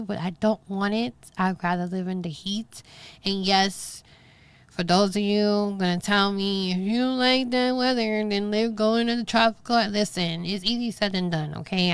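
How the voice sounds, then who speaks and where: A woman's voice: lowish voice, smooth, no echo. A middle-aged woman with a Brooklyn New York accent, hosting a podcast in casual, rambling chat with emphatic asides. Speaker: podcast host. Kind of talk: casual solo chat to a live stream.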